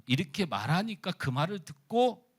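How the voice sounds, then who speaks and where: A man's voice: sits high, moderate pace, slightly rough. A male pastor preaching a sermon in a church. He keeps asking the congregation questions and teasing them. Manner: lively, animated preaching.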